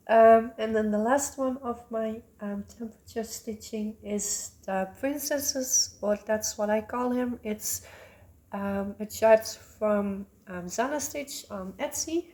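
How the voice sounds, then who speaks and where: Slow, rambling woman. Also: mid-range voice. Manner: rambling, many ums, soft asides. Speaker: cross-stitch vlogger. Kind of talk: casual show-and-tell chat.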